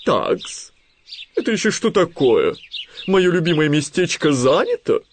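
A man playing a fussy, loud old owl lady. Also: mid-range voice, wildly swooping pitch, unhurried, background noise. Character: fussy bossy female owl.

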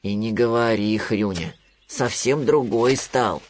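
A man voicing a gloomy, sluggish male bear cub who speaks slowly with sighs. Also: mid-range voice, a little hiss or hum, natural voice. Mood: glum. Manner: slow, sighing, glum.

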